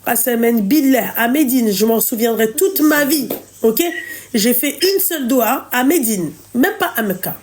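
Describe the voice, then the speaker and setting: Call-in advice host: woman, high voice, fervent and affectionate. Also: animated, a little slow, a little mellow, slight background noise.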